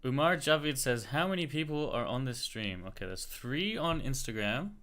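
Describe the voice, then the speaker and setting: Amid keyboard typing and clicking, an Australian man whose accent sounds American hosts a livestream, casually greeting viewers and talking to himself during a computer search. His mid-range voice is a bit bright, moves at a moderate pace and swings widely in pitch.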